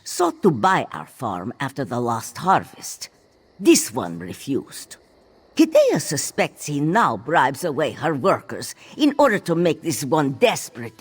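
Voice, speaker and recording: A woman plays an aging cat-folk farm owner in a fantasy video game, a proud and exasperated mother who speaks huskily in formal third-person phrasing. Her delivery is heavily acted, a little slow, extremely low, with huge pitch swings, and she sounds wary and indignant.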